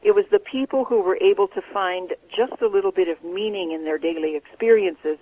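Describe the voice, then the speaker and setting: A man, an author, answering interview questions in an earnest, measured way over the phone. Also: high voice. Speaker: author guest. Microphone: telephone. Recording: tinny phone line.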